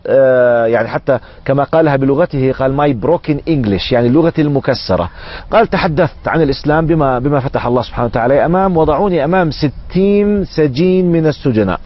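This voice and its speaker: A man preaching in a storytelling sermon, acting out the people he quotes. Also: mid-range voice. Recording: dull lo-fi radio recording.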